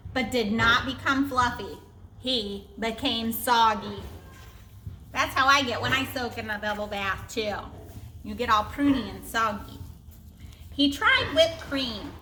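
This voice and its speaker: A woman teacher reading a storybook aloud in an expressive way, adding chatty asides. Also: a little high, roomy sound, slight background noise.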